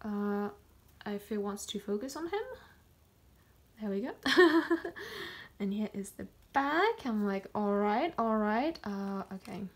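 A woman chatting casually as she unboxes photocards, gushing and excitable, gasping and counting down before each pull. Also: mid-range voice, slow pace, pauses often. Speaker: kpop collector vlogger.

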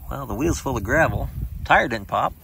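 A man in his fifties, a hot rod builder who hosts his own channel, narrates a casual workshop vlog with dry, self-deprecating humor while working in his garage and on the roadside. His mid-range voice has lively intonation, normal speed, and vocal fry, set against a noisy background.

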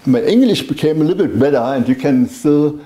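Mellow older German-accented man, echoey room. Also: fairly high pitch, expressive, fairly quick. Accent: strong German. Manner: rambling, often interjects "you know". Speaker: interviewee, wine merchant. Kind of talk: conversational oral history interview, reminiscing. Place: indoors, small wine bar. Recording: echoey room with faint background noise.

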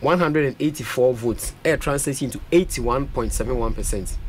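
A young Ghanaian man, a parliamentary aspirant, talks in a radio studio interview, switching between Twi and English as he rattles off vote figures into a boom-mounted studio mic. His voice is medium in pitch and his pace is normal. The recording is low quality, with a slight hiss or hum.

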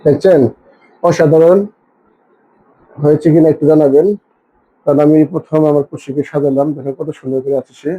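A man's voice: a little high, little pitch movement, moderate pace, pauses often, lo-fi sound. A man, vlogging about his pet and coaxing his cat with repetitive, fond chatter while asking viewers to look. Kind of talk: casual pet vlog to camera.

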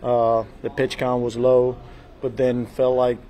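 A man in his forties, a baseball manager at a postgame press conference, speaking in a measured, halting way at a table mic in a small press room. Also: medium pitch, completely flat delivery, dark tone, poor audio. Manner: measured, halting, repeats words and fillers. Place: small press room before a sponsor backdrop. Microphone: table mic in front of him.

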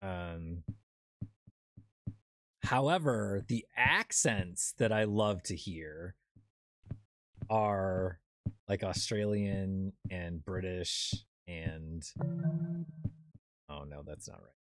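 A young adult streamer chats casually while playing a horror game, rambling with plenty of fillers and restarts. The voice is low-pitched and fairly bright, extremely slow, with long pauses.

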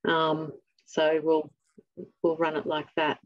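Australian woman, conference chair, lower voice, muffled dry video-call audio. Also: completely flat delivery, takes it slowly, no room sound. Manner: friendly, informal, with fillers. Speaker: session chair. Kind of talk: online conference introduction.

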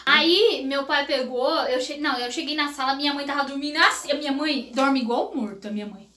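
A woman's voice: high voice, brisk, bright, forceful tone. A young Brazilian woman hosting a family vlog, talking casually and animatedly straight to her viewers. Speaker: vlog host, the daughter. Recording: echoey home room.

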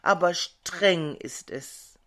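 A woman's voice: fairly low pitch, extremely slow, fairly bright tone. Woman voicing a stoic old hazel bush.

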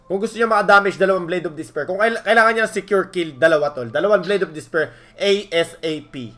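Filipino male caster, high and sharp, shouts on big plays, Taglish banter. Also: quick pace, faint music behind. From Philippines. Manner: bursts into shouting at big plays, mixes Tagalog and English. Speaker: esports caster. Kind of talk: excited play-by-play commentary.

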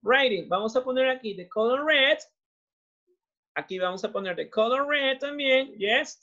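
An unhurried, high, bright voice with a forceful, animated delivery belongs to a woman teaching English online. Her Peruvian Spanish accent comes through as she mixes both languages and repeats praise, heard through muffled call audio.

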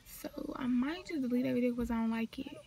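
Filming herself on a phone camera outdoors, a North Carolina woman in her late teens rambles through a casual vlog packed with slang and tangents. She talks fast in a slightly high, Southern-accented voice against background noise.

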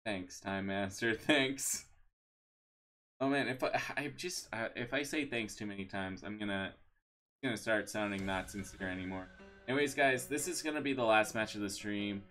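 A man's voice: lowish voice, moderate pace, a bit bright, faint music behind. A man streaming live, chatting casually and thanking viewers, rambling with many fillers and restarts.

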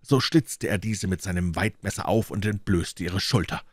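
A grim, hard-drinking musketeer, read by a man in a very low, subdued voice. He sounds bitter and brooding in an audiobook, recorded dry and close. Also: moderate pace, no room sound. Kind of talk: audiobook character reading.

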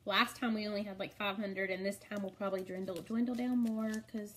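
A woman's voice: mid-range voice, steady tone, a little fast, slight background noise. A middle-aged woman hosting a casual snack-tasting video, chatting and laughing often. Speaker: vlog host.

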